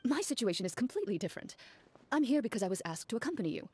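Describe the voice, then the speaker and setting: A woman playing a calm, reserved young woman who speaks in a deadpan, measured way in a video game. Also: fairly high pitch, husky, faint music behind. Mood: matter-of-fact.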